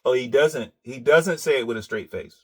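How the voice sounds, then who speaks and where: A man's voice: mid-range voice, moderate pace, slightly rough. A man giving sarcastic reaction commentary on another channel's video, often chuckling at his own jabs.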